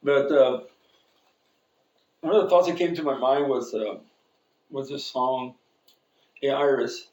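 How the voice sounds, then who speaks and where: A man's voice: medium pitch, slow, pauses often, darkish tone, reverberant, low-quality recording. A man preaching an informal sermon in a church, telling a personal story in a rambling, self-correcting way with frequent chuckles. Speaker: pastor. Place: church sanctuary.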